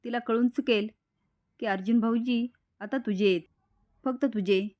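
A woman's voice: on the high side, steady tone, normal speed, a little mellow, lightly acted. A woman voicing a scheming, coaxing sister-in-law in a serial recap. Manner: coaxing and conspiratorial.

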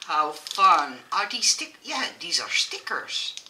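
A woman from the Netherlands with a Dutch accent, chatting casually and excitedly as she unboxes crafting gifts, often restarting her sentences. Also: on the low side, slow pace, recorded from a distance, a little hiss or hum, low-quality recording. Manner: excitable and gushing, with frequent restarts and giggles. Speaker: crafting vlogger.

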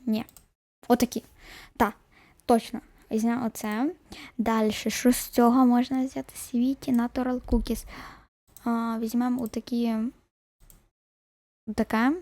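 Casting note: woman, upbeat gameplay commentary, higher voice with a mellow tone, dry close mic. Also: level tone, measured pace, pauses often, no echo. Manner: chatty, talks to viewers while playing, drops into whispers. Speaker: gaming video host.

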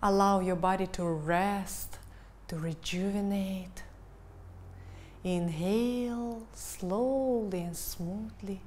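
A woman in her thirties giving a guided breathing lesson in a calm, instructional manner. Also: on the low side, slight background noise. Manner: calm, instructional, counting and cueing. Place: living room, indoors. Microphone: lavalier lapel mic.

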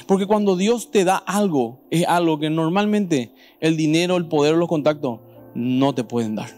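A man with a Paraguayan Spanish accent preaching a sermon as pastor at a church service, animated and questioning the congregation directly. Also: on the high side, normal speed, soft background music.

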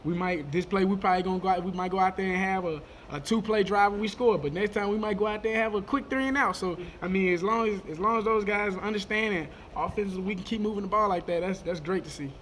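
A college football player in his twenties answering post-game questions quickly, often repeating words as he goes. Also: high-pitched, fairly bright tone, a little hiss or hum. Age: 20s. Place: press conference room, indoors. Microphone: table microphone.

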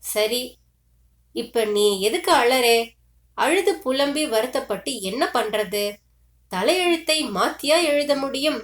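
A woman's voice: high voice, slow, pauses often, roomy sound. Woman doing a weary resigned older man. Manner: soothing, resigned, flat.

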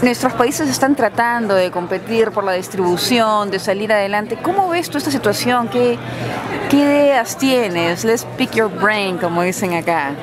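Woman from Peru, interviewer asking direct questions, loud crowd noise behind. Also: medium pitch, animated, measured pace.

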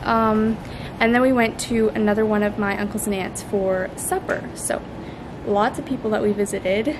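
Young woman vlogging over loud road noise. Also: mid-range voice, fairly even intonation, moderate pace. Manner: chatty, upbeat, with frequent fillers. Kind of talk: casual travel vlog. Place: in a car, outdoors on ice, and in a living room. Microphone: handheld camera at arm's length.

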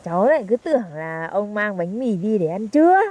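A woman's voice: medium pitch, very animated, a little fast, dark tone, dry recording. A young woman, teasing and chatty as a granddaughter in a comedy skit.

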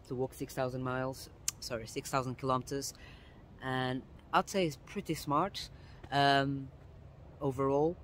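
Young guy chatting to his phone on a forest trail, mid pitch, restarts a lot, faint outdoor hum. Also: fairly bright tone. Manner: chatty, explains step by step, often restarts sentences. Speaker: vlogger. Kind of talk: casual vlog talk to camera. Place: woodland path, outdoors. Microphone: phone camera at arm's length.

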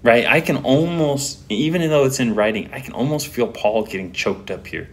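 A man's voice: medium pitch, normal speed. A man preaching a sermon as pastor, reading scripture and pressing home repeated rhetorical questions with emphasis. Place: church. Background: faint air-conditioner hum.

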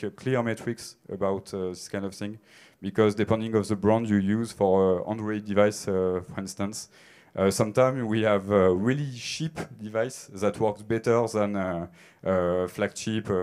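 Hesitant French-accented man, smooth low voice. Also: darkish tone. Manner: hesitant, many filler sounds and restarts. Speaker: conference speaker. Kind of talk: conference Q&A answers. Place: stage of a theater hall. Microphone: handheld mic.

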